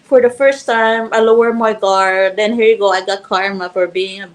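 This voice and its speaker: A woman from Cebu with a Filipino accent, a guest telling her story in lively, simple, broken English. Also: mid-range voice, normal speed. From Philippines (Cebu). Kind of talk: casual storytelling interview.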